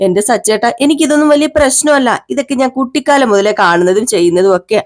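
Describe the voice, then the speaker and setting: A woman's voice: on the high side, fast, natural voice. Woman doing a shy, bashful young wife.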